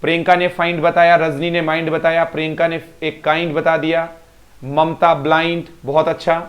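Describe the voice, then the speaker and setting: A man's voice: fairly high pitch, level tone, normal speed, lo-fi sound. A male teacher in a live online class, repeating words to drill pronunciation and praising students by name. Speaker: English teacher.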